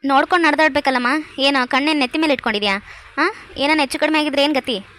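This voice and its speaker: A woman voicing a bossy middle-aged mother-in-law in a cartoon, scolding briskly. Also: high voice, pushed and bright. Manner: brisk, scolding rural speech. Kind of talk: cartoon voice acting.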